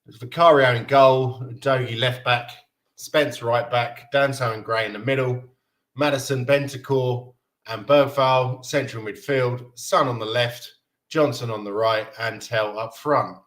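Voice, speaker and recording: This fan livestream host is a man from Denmark in his thirties who keeps things loose, reading out viewer comments and laughing frequently. He speaks a little slowly in a slightly bright, medium-pitched voice with fairly even intonation.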